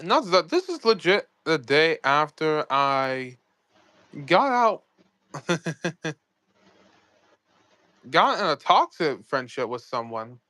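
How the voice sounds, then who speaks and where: A man's voice: a little high, sing-song, slow pace, long pauses, pushed and bright, dry recording. Young male streamer, casual and rambling, dry deadened room sound. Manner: rambling, many restarts and swearing. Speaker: co-host, story creator. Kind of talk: casual livestream chat.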